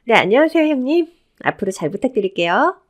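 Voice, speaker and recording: A woman's voice: on the high side, very animated, fairly quick. A woman voicing a polite young daughter-in-law who narrates her story in a radio drama. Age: young adult.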